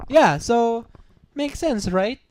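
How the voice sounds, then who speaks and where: A woman's voice: fairly high pitch, lively intonation, slow pace, a little mellow. A woman co-hosting a casual gaming podcast, chatty and teasing, laughing often. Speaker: podcast co-host. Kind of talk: casual chat.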